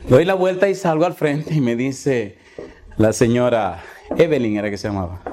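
A man preaches through a funny story from his ministry. His voice sits at a middle pitch and he jumps into the characters' lines. He keeps it lively and conversational. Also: moderate pace, a little hiss or hum. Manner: humorous, animated, acts out dialogue. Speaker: pastor. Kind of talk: storytelling sermon.

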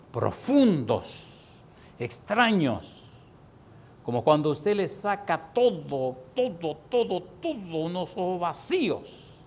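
This preacher, a man in his sixties with a fairly high-pitched voice, shares a personal story in his sermon. He's animated throughout and raises his voice for the recurring refrains.

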